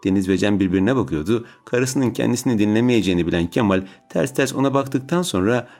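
A man with a fairly low voice reads a fantasy audiobook in a steady storytelling manner. Soft music plays underneath him. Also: fast. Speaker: audiobook narrator. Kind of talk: scripted narration.

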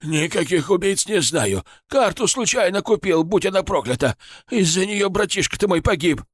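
A man's voice: high voice, lively intonation, moderate pace, breathy edge, no echo, pitched above the performer's own voice. A panicky, stammering male merchant in an audiobook, whining and yelping shrilly, as a man puts him on. His voice leaps up and down as he stutters. The sound is dry and close. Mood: panicked.

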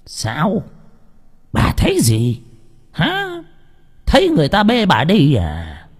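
A man's voice: on the high side, wildly swooping pitch, slow pace, breathy edge, voice pushed up, full character voice. A man voicing a sly middle-aged sorcerer who teases and talks in secrets. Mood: mocking.

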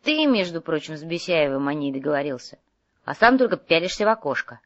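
A woman's voice: deep voice, very animated, fairly quick, highs cut off. A woman voicing a grumpy, thrifty male mage analyst who grumbles and nags his partner. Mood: grumbling. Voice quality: grumbling, sarcastic.

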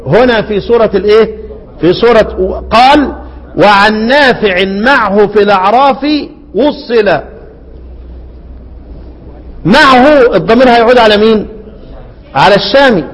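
A male Egyptian sheikh with a high voice and an Egyptian Arabic accent teaches recitation. He quizzes listeners with repeated rhetorical questions in a call-and-response lesson and chants quoted verses slowly. The hall adds reverb.

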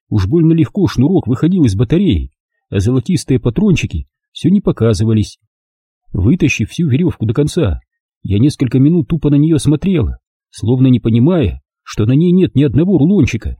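Husky, dark-voiced male audiobook narrator. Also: mid-range voice, no echo, clean studio sound. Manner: expressive, dramatic reading. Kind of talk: scripted first-person narration.

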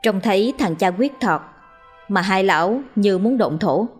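A woman's voice: mid-range voice, expressive, measured pace, breathy edge, faint music behind. A woman narrating a ghost story in a scripted, storytelling way.

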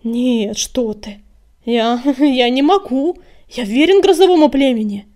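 A woman's voice: fairly high pitch, very animated, normal speed, mellow. A woman voicing a cowardly, fussy male warrior cat who talks in a flustered, fearful way.

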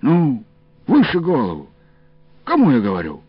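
A man voicing a gruff, mocking, warm-hearted old uncle in an audiobook, talking in slow sardonic banter. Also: medium pitch, huge pitch swings, no echo, voice pushed up. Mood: gruff teasing. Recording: dull dry studio audio, faint music.

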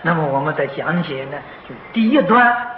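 An older man giving a slow, patient lecture on a Buddhist sutra, filling pauses with drawn-out "ah" sounds and clearing his throat now and then. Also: fairly high pitch, expressive. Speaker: Buddhist teacher. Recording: dull, roomy, noisy old tape of a lecture hall.

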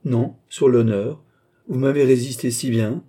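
A man's voice: mid-range voice, unhurried, mellow, natural voice. A man as a suave, ironic count. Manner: phlegmatic, polite, mocking. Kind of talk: audiobook character reading.

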